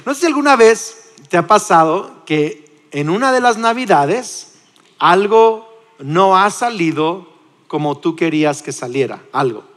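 A man in his forties with a Mexican accent, preaching a sermon in a lively, conversational way with frequent restarts. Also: high-pitched, measured pace, in a large hall. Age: 40s. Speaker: pastor. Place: church.

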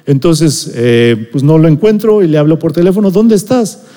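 A middle-aged Mexican preacher tells a personal story to his congregation in a conversational way. His voice sits a little high yet sounds mellow and soft-edged. The sound rings with the long reverb of a large hall. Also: moderate pace. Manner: conversational storytelling, checks in with listeners. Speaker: pastor or preacher.

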